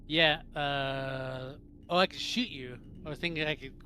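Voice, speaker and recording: A man's voice: on the high side, steady tone, measured pace, bright, forceful tone, slight background noise. A man chatting casually with friends as he plays a video game, thinking aloud as he goes. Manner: thinks aloud while playing. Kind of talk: casual gameplay chat with friends.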